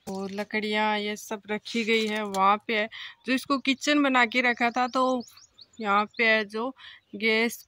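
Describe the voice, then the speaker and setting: Walking viewers through an old, empty brick house indoors and outdoors, a chatty young woman holds her phone at arm's length. Her fairly high voice sounds pushed and bright, full of filler phrases, as she talks to her audience like friends. There's slight background noise.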